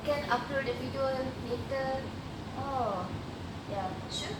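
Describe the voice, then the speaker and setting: A young woman with a Malaysian accent talks in slangy, colloquial Malaysian English. Her voice is fairly high, in a casual group discussion. The recording is echoey and buried in loud noise. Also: slow pace. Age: young adult. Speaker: student in group project. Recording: echoey, distant, very noisy recording.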